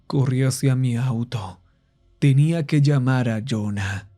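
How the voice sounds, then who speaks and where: A man narrating a horror story in a scripted, measured style. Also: mid-range voice, warm tone. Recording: faint music underneath.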